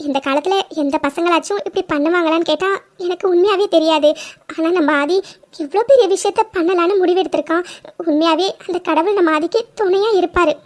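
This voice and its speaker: Woman voicing a high-pitched, hopeful young cartoon girl who is warm and reassuring. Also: a little fast.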